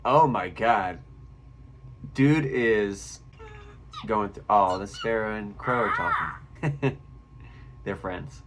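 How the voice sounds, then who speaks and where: A man hosting a reaction video, chatting casually and excitedly while he watches. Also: fairly low pitch, very slow, long pauses, noisy background. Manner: excitable, chatty, often laughing.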